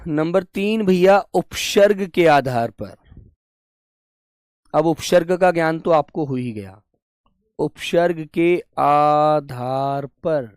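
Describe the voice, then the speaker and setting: A man's voice: on the high side, lively intonation, darkish tone, clear, resonant tone, no room sound. Patient male Hindi teacher, dry close sound. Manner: patient, repeats points, calls students "my dear children"; slow and deliberate, breaks words into parts. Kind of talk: live online class.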